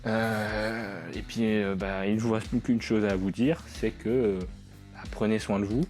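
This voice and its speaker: A man reviews comic books in a loose, rambling chat full of hesitations. His voice sits a little low and sounds warm and mellow. Faint music plays in the background. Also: steady tone, measured pace. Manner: rambling with many fillers. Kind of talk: casual review vlog.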